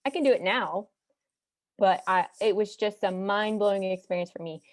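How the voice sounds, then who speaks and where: A woman's voice: medium pitch, moderate pace, no echo. Woman storyteller, reflective close, dry close sound. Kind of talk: personal storytelling.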